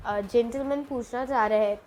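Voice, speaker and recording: A woman's voice: a little high, moderate pace, darkish tone, low-quality recording. A woman teaching a Chinese language lesson, explaining patiently, slipping in English phrases and repeating syllables to demonstrate. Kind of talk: casual spoken lesson. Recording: faint background noise.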